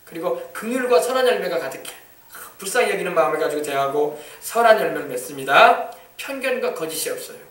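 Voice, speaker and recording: A man's voice: a little high, expressive, fast, a bit bright. A man pastor preaching a sermon with emphasis, often repeating words and calling out hallelujah. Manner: emphatic, repetitive, calls out hallelujah. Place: church sanctuary. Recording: echoey church hall from far off.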